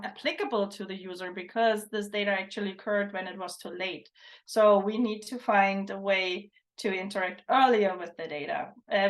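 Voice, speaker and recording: Woman, mid-pitched, livestream presenter, thoughtful and conversational, restarts sentences. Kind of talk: casual panel discussion. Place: online livestream, video call.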